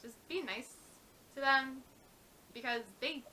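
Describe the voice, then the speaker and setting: Blunt young woman, bright higher voice. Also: a little hiss or hum. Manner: blunt, quick interjections, gives advice. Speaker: vlog co-host. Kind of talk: casual chat.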